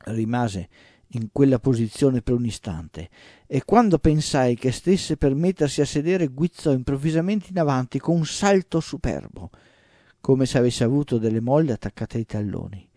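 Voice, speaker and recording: A man reading a first-person story aloud in a steady, even audiobook narration. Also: mid-range voice, normal speed, dry recording, clean studio sound.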